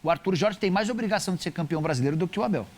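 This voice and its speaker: A man's voice: high voice, animated, rapid-fire. A Brazilian man working as a football pundit, debating in an insistent, argumentative way. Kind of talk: lively sports debate.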